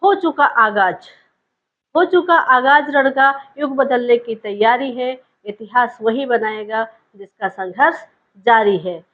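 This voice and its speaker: On a lo-fi recording, a high-voiced female teacher walks through grammar, posing her own questions and then answering them. She repeats the main points and stretches her vowels to illustrate them.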